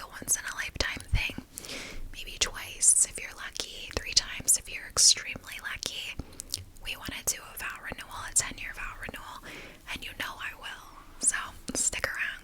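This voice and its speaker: Whispering woman, ASMR ramble. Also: rough recording. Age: young adult. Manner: soft, breathy whispering throughout. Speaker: ASMR content creator.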